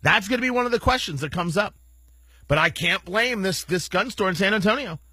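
Animated, sarcastic talk radio host. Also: male voice, high-pitched, fairly quick, husky, no room sound.

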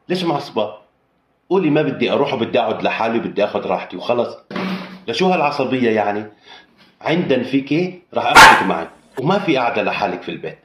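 A man talks to his pets at home, switching between coaxing and mock-scolding. His pitch swings a lot as he talks. The room sounds echoey. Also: fairly bright tone, a little hiss or hum. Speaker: pet owner. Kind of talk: playful pet vlog. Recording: roomy echo.

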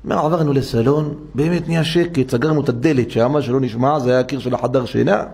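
A man's voice: medium pitch, gravelly, darkish tone, breathy edge. A man preaching as a rabbi in a synagogue, telling a story and acting out each character's voice with animation. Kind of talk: sermon storytelling.

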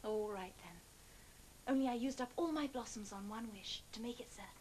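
An actress playing an eager, devoted fifteen-year-old girl who is quick to tears. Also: on the high side, darkish tone, a little hiss or hum, natural voice, low-quality recording. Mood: tender. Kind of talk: 1970s TV studio drama acting.

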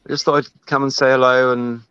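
A man's voice: medium pitch, flat delivery, fairly quick, sharp tone, clear, resonant tone, no room sound, lo-fi sound. A man joining a casual chat, talking hesitantly with stammered restarts.

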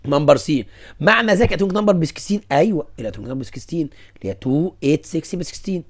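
A man's voice: on the high side, rapid-fire. A young man with an Egyptian Arabic accent teaching a science exam review, mixing English terms into his Arabic and quizzing students. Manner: lively, mixes English terms into Arabic, asks students questions.

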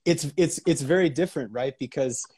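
A man in his thirties, a composer, interviewing a guest over a video call from home, joking and quick to laugh. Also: on the high side, background noise. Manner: jokey, quick to laugh, asks warm questions. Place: home room. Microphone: laptop webcam on video call.

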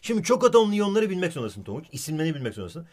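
A man's voice: on the high side, racing. A man teaching chemistry in a playful way, teasing his student and heaping on praise. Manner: animated, teasing, keeps repeating praise and the student's name. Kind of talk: playful comedic lesson.

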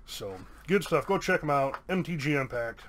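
Here a YouTube host with an American accent opens card packs in a relaxed video, calling out the card names in a cheerful, talkative way. He pitches slightly high with lively intonation and a touch of brightness, talks at normal speed, and a little background noise can be heard.

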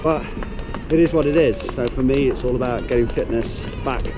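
A man's voice: medium pitch, moderate pace, over music. A man in his thirties talking casually to a camera held at arm's length while out on city streets. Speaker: vlogger. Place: outdoors on busy city streets. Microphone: action camera at arm's length. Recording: noisy outdoor city street, traffic.

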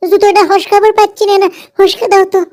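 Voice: very high voice, little pitch movement, fast talker, a little mellow. A performer with a Bogura accent voicing a coy, pampered young woman, an officer's daughter, in a comedy dub, plaintive and whining. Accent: Bogura, northern Bangladesh. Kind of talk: comedy dubbing in dialect.

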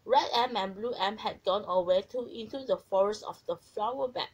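Woman narrator, children's story read aloud, gentle and expressive, mid-pitched voice. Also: moderate pace, husky, no room sound, dull audio.

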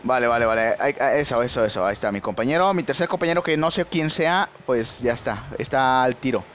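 A young man with a Mexican accent giving excitable, slangy live commentary on his own gameplay and shouting at big plays. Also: mid-range voice, fast talker, slight background noise. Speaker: gaming YouTuber.

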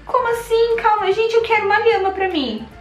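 A young Brazilian woman with a Brazilian Portuguese accent, hosting an excitable Minecraft let's play and gasping at every find. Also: very high voice, a little fast, roomy sound, soft background music. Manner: excitable, gasping, squealing at finds. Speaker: gaming channel host.

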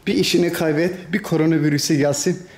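Gruff grumbling Turkish-born contractor man. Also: on the high side, steady tone, quick pace, roomy sound. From Turkey. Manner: grumbling, rough-tongued, swings from tired sighs to loud rants. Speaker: general contractor. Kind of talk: casual vlog chat. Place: house under renovation, indoors.

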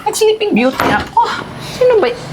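A defensive exasperated homeowner, really high voice, noisy outdoors. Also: female voice, very animated, a little fast. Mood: indignant. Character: indignant homeowner accused of being a mistress. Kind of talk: short film acting.

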